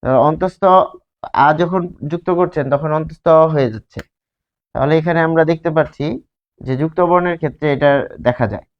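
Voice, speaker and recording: A man teaching a grammar lesson at a board, spelling words out slowly and answering his own questions. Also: fairly high pitch. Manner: asks questions and answers them himself. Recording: dull lo-fi sound.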